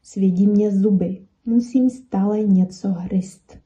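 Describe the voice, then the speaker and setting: A woman voicing a small mouse with itching teeth that must always gnaw something, speaking slowly, emphatically and matter-of-factly. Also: mid-range voice, fairly even intonation, mellow, breathy edge, lo-fi sound. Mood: blunt.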